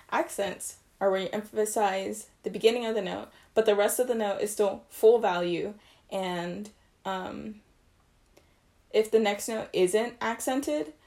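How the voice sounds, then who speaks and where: A woman's voice: medium pitch, creaky, a little mellow. A young woman and trumpet player teaching articulation basics in a casual video, chatty and correcting herself as she goes. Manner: chatty, self-correcting, loose explanations.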